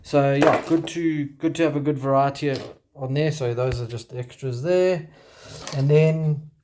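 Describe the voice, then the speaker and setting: A man with a broad South African accent presents his gear as a kayak angler in a casual, unscripted show-and-tell, with halting, hesitant phrasing. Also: a little high, steady tone, background noise.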